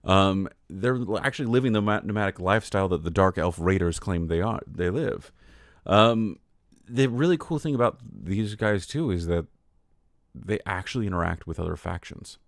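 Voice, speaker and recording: A man's voice: deep voice, animated, moderate pace, vocal fry, no room sound, clean studio sound. A tired man hosting a casual livestream, reading lore aloud and chatting, often laughing and getting sidetracked. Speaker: streamer host.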